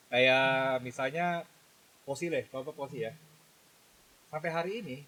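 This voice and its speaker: A man's voice: medium pitch, a bit bright, slightly rough, low-quality recording. A man hosting a casual podcast chat, talking in slang with lots of fillers and restarts. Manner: chatty, uses slang, many fillers and restarts. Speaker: podcast host.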